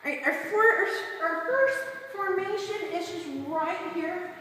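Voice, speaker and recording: A woman's voice: extremely high pitch, animated, unhurried, pushed and bright, recorded from a distance. A woman working as a cave tour guide, explaining things informally to a group of visitors inside a large cave. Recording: very echoey cave, long reverb, background noise.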